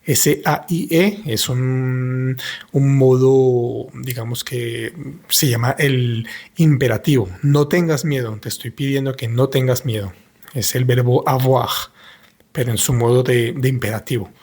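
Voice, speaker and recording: A man with a somewhat husky, breathy voice gives a patient language lesson. He explains slowly, pausing often as he reads short lines and translates them. His pitch sits in an ordinary middle range. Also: fairly even intonation, a little mellow. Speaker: French teacher.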